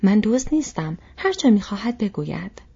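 Woman doing a possessive old male hobbit, shrill, agitated, breathy, storybook reading. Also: a little mellow. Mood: angry, possessive. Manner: shrill, raised, insistent. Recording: dull lo-fi recording.

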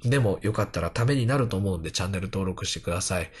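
A man's voice: low voice, lively intonation, very fast. A man with a congested, nasal voice hosting a casual solo radio talk in a chatty, self-deprecating way. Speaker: radio show host. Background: background music.

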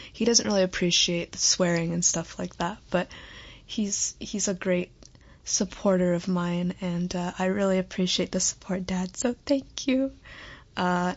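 A young woman hosts her own podcast in a casual late-night solo chat, rambling with lots of "like" and "um." Her voice is fairly low in pitch, and the highs are cut off.

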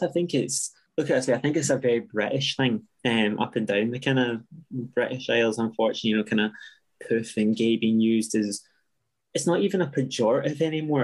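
A man's voice: mid-range voice, darkish tone, husky, low-quality recording. A young Scottish man, a teacher, talking frankly and with self-deprecating humour as an interview guest, often restarting his sentences. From Scotland. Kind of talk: casual interview talk.

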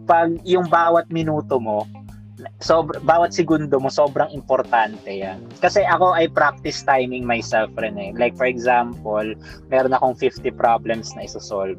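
A man's voice: mid-range voice, normal speed, lo-fi sound, soft background music. A young man, a student debater, earnestly explaining his view in a casual Taglish chat.

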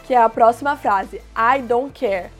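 A woman teaching everyday English phrases, explaining plainly and repeating each phrase slowly. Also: a little high, faint music behind. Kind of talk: casual language lesson.

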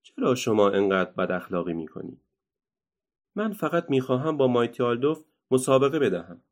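A man's voice: mid-range voice, very animated, lightly acted. A man doing a bold cheeky little girl. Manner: cheeky and friendly. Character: bold cheerful young girl, unbelievably strong.

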